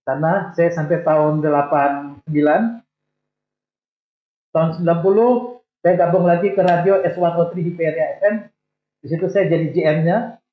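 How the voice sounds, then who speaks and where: This older Indonesian guest, in his sixties, chats casually through his life story with a loose, self-mocking humor. His voice is a touch high for a man, and the echoey room and thin, phone-like audio color the recording.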